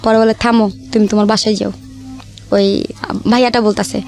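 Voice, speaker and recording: This time her pitch is medium and her delivery flat, at a moderate pace with a darkish tone. The young Bangladeshi-accented woman tells her life story casually and colloquially, acting out the exchanges, as background music plays.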